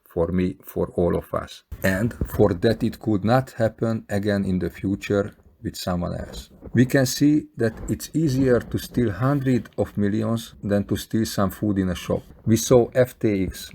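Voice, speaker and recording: Male video maker, Hungarian accent, lowish gravelly voice, earnest and plain-spoken direct appeal. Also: mellow, a little hiss or hum. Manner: earnest, plain-spoken, non-native phrasing. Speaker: video maker appealing to fellow scam victims. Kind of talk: scripted appeal to camera.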